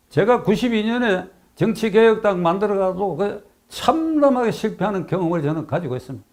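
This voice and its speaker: A man's voice: high voice, darkish tone. An older man giving a political commentary monologue, emphatic and repeating key phrases, asking rhetorical questions.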